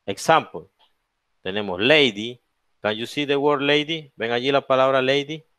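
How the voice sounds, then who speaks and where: A man's voice: mid-range voice, fairly bright tone, clear, resonant tone, dry recording. A man teaching English grammar to a class, explaining each rule in English and then in Spanish, often checking understanding with "okay?". He has a Latin American Spanish accent. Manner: slow, drawn-out spelling of letters and example words. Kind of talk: bilingual classroom lesson.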